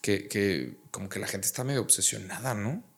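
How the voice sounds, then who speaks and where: A man's voice: lowish voice, brisk, gravelly, a bit bright. Blunt man in echoey room. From Monterrey, Mexico. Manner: blunt, slangy and profane. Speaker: guest. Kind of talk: casual podcast chat. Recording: roomy echo.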